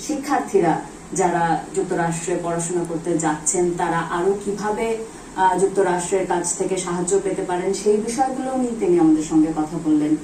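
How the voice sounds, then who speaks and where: A woman's voice: on the low side, quick pace, mellow. A woman with a Bangladeshi accent hosting a broadcast interview, asking questions and addressing viewers. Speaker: interviewer, host. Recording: echoey, distant mic, faint noise.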